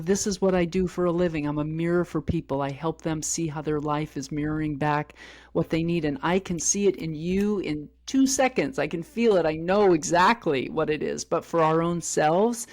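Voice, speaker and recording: A woman's voice: fairly low pitch, darkish tone. Middle-aged woman telling a personal story. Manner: open, personal storytelling with frequent reenacted dialogue. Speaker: podcast co-host. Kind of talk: candid podcast conversation.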